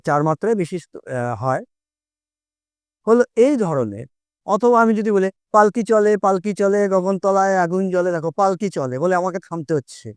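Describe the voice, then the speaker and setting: Man explaining a lesson, smooth higher voice. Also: dry recording, studio quality. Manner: patient, repeats points, recites rhymes to show rhythm. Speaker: teacher.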